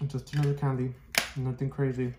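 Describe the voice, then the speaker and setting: Casual vlogger, man in his thirties, muffled by a cloth mask, mid-pitched, in an echoey room with background noise. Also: monotone, fairly quick. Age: 30s. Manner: chatty, easygoing running commentary. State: talking through a cloth mask. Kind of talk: casual candy taste-test vlog.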